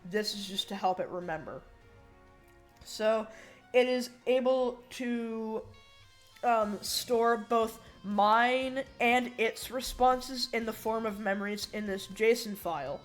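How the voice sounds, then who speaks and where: A woman's voice: fairly high pitch, takes it slowly, soft background music. A woman giving a casual, rambling tech demo, with slightly slurred S sounds from braces and a bite plate. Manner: informal, rambling, thinking aloud. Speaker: hobbyist programmer demonstrating a project.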